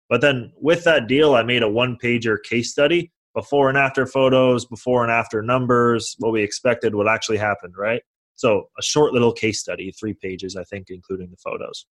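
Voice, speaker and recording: The guest, a young real estate investor from California, has a lowish, steady, slightly bright voice and a brisk pace. He explains his start with assurance, acting out the dialogue from the conversations that got him going.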